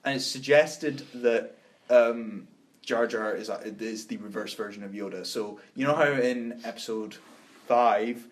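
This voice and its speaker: A man's voice: mid-range voice, unhurried. A man co-hosting a podcast in casual chat, rambling and enthusiastic. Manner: rambling, enthusiastic, trails off into tangents. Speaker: podcast co-host.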